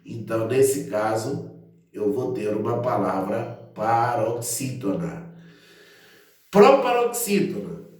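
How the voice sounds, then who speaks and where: A man teaching a grammar lesson online, explaining slowly with frequent fillers and restarts. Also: medium pitch, far from the mic. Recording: very echoey room, voice a bit off-mic.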